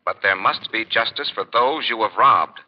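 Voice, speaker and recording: An actor playing a stern, mocking invisible crimefighter in a theatrical, commanding 1940s radio style. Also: male voice, fairly low pitch. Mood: grave, accusing. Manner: slow, theatrical, commanding pronouncements. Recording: dull, lo-fi old radio recording.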